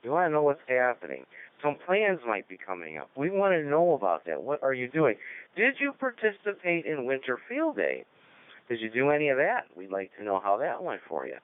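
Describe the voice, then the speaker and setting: A man's voice: mid-range voice, huge pitch swings, fairly quick, smooth, no room sound. A man hosting a ham radio net in a chatty, rambling way, heard over a radio link. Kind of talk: casual on-air net chat. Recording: narrow radio-link sound, dry.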